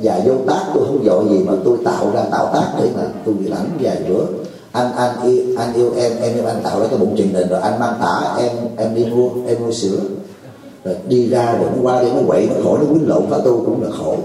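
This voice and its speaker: A man's voice: medium pitch, fast, dark tone. A man giving a Buddhist dharma talk, folksy and joking, often asking his listeners questions. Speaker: Buddhist teacher. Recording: echoey hall, voice from far off.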